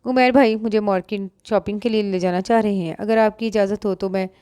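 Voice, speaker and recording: A woman voicing a gentle young wife who speaks in a soft, measured, polite way. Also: mid-range voice, fairly even intonation, clear, resonant tone, dry recording, clean studio sound, close to an everyday voice.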